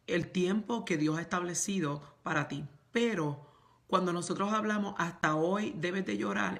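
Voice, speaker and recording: Gravelly-voiced woman preaching. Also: on the low side, fairly bright tone. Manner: repetitive, emphatic preaching, slipping in English words. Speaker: pastor. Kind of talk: sermon. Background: congregation setting, speaking to women.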